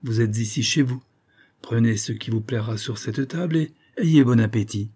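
A sinister aristocratic vampire count , as a male reader puts him on, speaks in a dark, husky voice. He talks slowly and insinuatingly, lingering over every word about blood. It is a dramatic reading of a story. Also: mid-range voice, close to an everyday voice. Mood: sly courtesy. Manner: slow, insinuating, dwells on blood.

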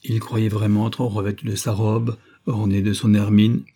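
Dark, husky male audiobook narrator. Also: lowish voice, little pitch movement. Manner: measured, theatrical reading. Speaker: audiobook reader. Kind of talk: scripted narration of a novel.

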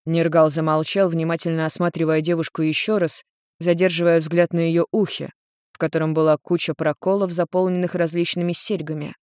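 A man narrating an audiobook in an even, measured storytelling voice. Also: a little high, clear, resonant tone, no echo, studio quality.

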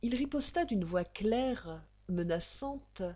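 A woman narrates a serial novel in audiobook style, measured and dramatic. Her voice is dark and a little breathy. She takes her time with each phrase. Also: fairly high pitch, expressive.

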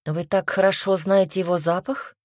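Storybook heroine: a woman playing a sharp-tongued young noble mage, lowish, dry sound. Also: steady tone, moderate pace, no room sound, close to an everyday voice. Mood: caustic. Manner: dry, caustic retorts.

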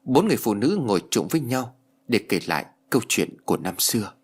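A man narrating a ghost story audiobook in a lively storytelling voice. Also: mid-range voice, fast talker, music in the background.

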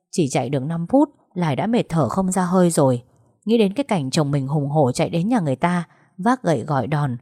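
A woman telling a dramatic story as narrator, in a steady manner. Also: sits low, dry recording, clean studio sound.

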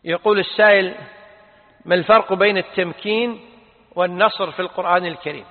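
A man's voice: sits high, fairly even intonation, fast. A man, an Islamic scholar, giving a religious lesson and answering listeners' questions, stressing key points emphatically. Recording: tinny phone-like sound with long reverb.

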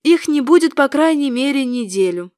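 Woman putting on a brusque middle-aged school nurse, curt and matter-of-fact, storybook reading, voice pitched a little lower and slower than the narration, dry close sound. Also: lively intonation, a little mellow, no room sound. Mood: sober.

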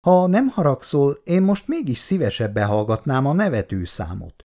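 An excitable, bubbly young woman student from a read-aloud storybook, her voice high and springy, as a male reader puts her on. She speaks eagerly, with a lively rise and fall.

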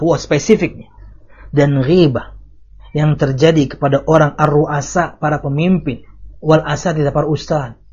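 A man teaching a religious study lecture. He reads classical Arabic text, then explains it in lively casual talk with rhetorical questions. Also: fairly high pitch, slightly rough. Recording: dull lo-fi audio recording.

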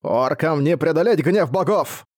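A man's voice: fairly high pitch, expressive, a little slow, darkish tone, no room sound. A man voicing a zealous male cult assassin who declaims his god's will, raising his voice, in a dry recording. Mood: fanatical. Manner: declaiming, fanatical.

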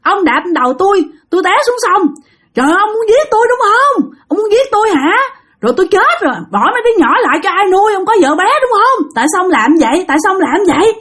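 A woman voicing a furious old grandmother who scolds her husband in a shrill, rapid, accusing voice. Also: sing-song, fairly bright tone, exaggerated voice.

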